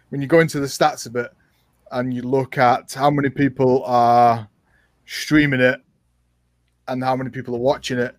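A man's voice: medium pitch, no room sound. A young British man, a guest streamer, chatting casually and laughing often.

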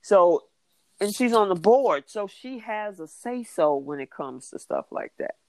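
Animated co-host, dry sound. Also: mid-range voice, a little slow, no room sound. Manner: animated, acts out the characters' lines. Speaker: co-host of a soap opera recap show. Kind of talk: casual chat.

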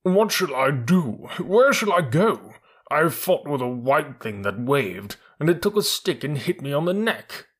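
A man voicing a timid, whimpering male baggage camel in a storybook, speaking slowly and humbly. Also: on the high side, big pitch swings, breathy edge, voice pushed up, exaggerated voice. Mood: panicked. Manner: slow, humble and pleading.

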